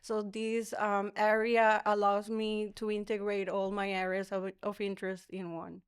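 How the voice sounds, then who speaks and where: Clear-voiced woman from the Dominican Republic. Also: mid-range voice, level tone, measured pace. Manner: careful explanatory, frequent um fillers. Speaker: pediatric obesity physician guest. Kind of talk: podcast interview.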